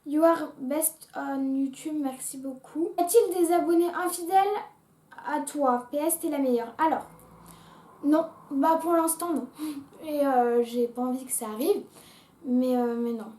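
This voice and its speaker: A teenage girl with a high voice, chatting to her viewers in a relaxed vlog and hesitating often with fillers. She talks in an echoey room. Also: a little slow. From France. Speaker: YouTuber. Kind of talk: casual vlog chat.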